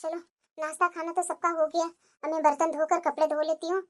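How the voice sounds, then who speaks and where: A woman's voice: very high voice, little pitch movement, a little fast, over loud music. A woman voicing a patient, soothing young mother and daughter-in-law in a cartoon. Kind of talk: Hindi cartoon voice acting.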